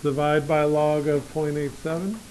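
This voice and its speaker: A man with a slightly high voice teaches a classroom math lesson in a loose, joking way. He keeps asking the class questions as he works through each step on the board. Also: flat delivery, moderate pace, a little mellow, a little hiss or hum, low-quality recording. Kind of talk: classroom lecture.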